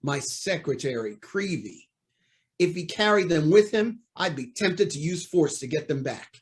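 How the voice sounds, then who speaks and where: In an old-time radio drama, an actor plays a proud, anxious judge who has been cornered, speaking formally, indignantly and theatrically. His fairly high male voice is animated but a little slow, with a weary, suspicious mood.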